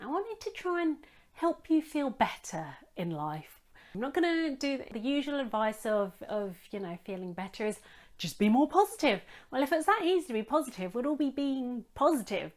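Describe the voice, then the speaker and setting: Woman vlogger from England, casual, wry and rambling, talking to a phone camera at home. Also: a little high. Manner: rambling, self-deprecating, wry. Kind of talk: casual chatty vlog. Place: home room with daylight. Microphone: phone front camera.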